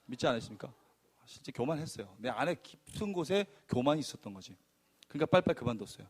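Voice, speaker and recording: Husky, animated man preaching a testimony. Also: mid-range voice, quick pace. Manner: animated, emphatic storyteller acting out quarrels. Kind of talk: sermon testimony storytelling.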